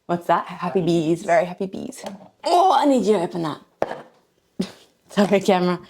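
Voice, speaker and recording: A woman's voice: fairly low pitch, lively intonation, normal speed, background noise. A woman hosting a home cooking video, chatting playfully and joking as she plates a dessert in her kitchen. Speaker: cooking show host. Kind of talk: casual cooking demo chat.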